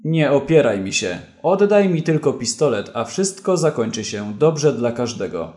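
A man voicing a corrupt policeman who talks quietly and steadily, giving commands. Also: mid-range voice, very animated, normal speed, roomy sound, natural voice. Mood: calm, commanding. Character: calm, menacing corrupt male policeman.

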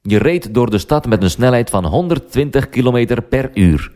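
A man's voice: medium pitch, expressive, normal speed, warm tone, lightly acted. A man voicing a stern, wry police sergeant in a language-learning story, speaking firmly and dryly.

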